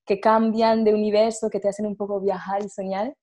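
A young woman from France speaking Spanish as a second language with a French accent, answering interview questions over a video call in a lively way, often restarting her words. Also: mid-range voice, fairly quick, dull audio. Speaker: guest performer. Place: home room with red sofa. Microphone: earphone headset on video call.

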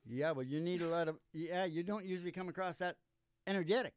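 An older man, under eighty, who is a country musician and podcast host, banters on a small curtained studio stage into a stand-mounted vocal mic. His rambling, folksy talk mixes jokes with philosophy. His voice is high and clean, he talks quickly, and there's no room sound.

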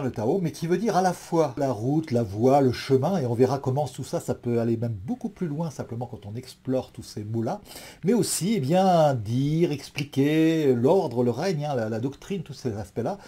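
A man's voice: mid-range voice, mellow, slightly rough. A man giving an explanatory talk to an audience, thoughtful and full of hesitations and restarts. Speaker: lecturer.

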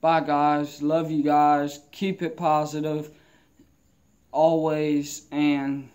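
Young dude vlogging, kinda high voice, talkin with a lip full of dip, rambling and casual. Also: male voice, little pitch movement, very slow, darkish tone. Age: young adult. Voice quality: muffled speech from a lip full of dipping tobacco. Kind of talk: casual rambling vlog chat. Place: mostly inside a wooden garage or shed with an open door. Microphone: camera at arm's length.

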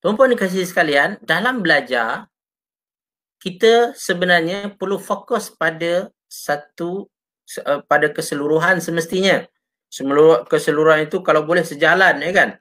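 A man's voice: fairly high pitch, normal speed, long pauses, sharp tone. A man with a Malaysian Malay accent, an Islamic teacher giving a casual live lesson, chatty and often turning to his listeners with short tags. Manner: reads out and answers viewer comments.

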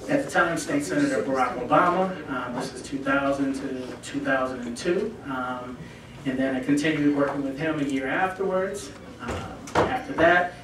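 Captured from afar in a very echoey meeting room with background noise, a man in his thirties from Chicago talks to a club over lunch as a guest. The film festival founder has a fairly high voice and speaks earnestly and conversationally, peppered with ums.

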